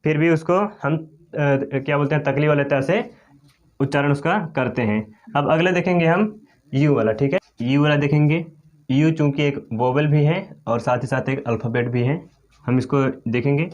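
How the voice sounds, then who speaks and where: Man, from India, English teacher, slightly high voice, slow and repetitive. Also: dull audio. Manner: slow, repetitive, often says "okay" and "clear". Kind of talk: classroom pronunciation lesson.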